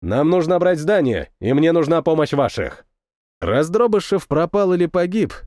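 A man narrating a first-person war novel in a measured, expressive reading, recorded close on a studio mic. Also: fairly high pitch, no room sound. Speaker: audiobook narrator.

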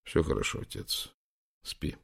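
A man voicing a caring young prince in an audiobook, speaking quietly and tenderly. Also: sits low, moderate pace.

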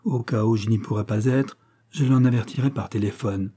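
A man reading an audiobook, voicing a composed, self-assured young woman investigator who gives brisk instructions. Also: fairly low pitch, mellow, slightly rough. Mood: firm.

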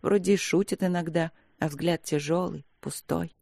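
A reader voicing a quiet, restrained woman army captain who answers her mother calmly and firmly, in an audiobook. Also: mid-range voice, moderate pace, creaky, no echo.

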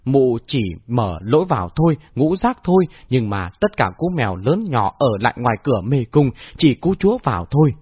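A man voicing a cunning, mocking female gatekeeper in a husky voice on a dull, dry recording. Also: medium pitch, very animated, moderate pace, few pauses, dry recording. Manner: mocking, cackling. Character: cunning cackling female gatekeeper, wields whip.

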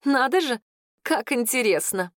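A woman's voice: on the high side, animated, unhurried, dry recording, clean studio sound, pitched above the performer's own voice. A woman voicing a blunt, grumbling kitchen woman. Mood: musing. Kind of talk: audiobook character voice.

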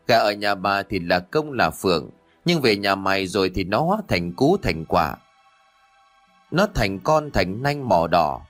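A man voicing a foul-mouthed old village woman who rants curses at her neighbors over a stolen hen, over faint background music. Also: a bit bright. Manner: shrill, spiteful ranting curses.

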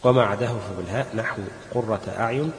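A low-pitched man with an Egyptian accent explains a recitation lesson in a patient, step-by-step way, putting questions and then answering them himself. His voice carries a long echo from a large hall. There is a faint hum of ambience behind him. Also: fast talker. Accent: Egyptian Arabic. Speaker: Quran recitation teacher.

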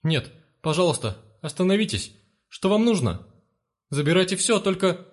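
A man reading aloud, voicing a terrified young mother who pleads in a high, desperate voice. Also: sing-song, normal speed.

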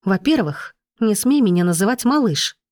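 A woman reading an audiobook, voicing an indignant, sharp-tongued young woman who hisses sarcastic retorts, in a dry, close recording. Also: medium pitch, very animated, normal speed, no echo, pitched above the performer's own voice, close to an everyday voice. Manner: hissing, sarcastic outbursts.

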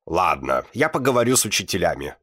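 A man's voice: low voice, big pitch swings, fast, sharp tone, no room sound, exaggerated voice. Man doing a pompous old headmaster, droning, dry mic. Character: pompous older male school director. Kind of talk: audiobook reading.

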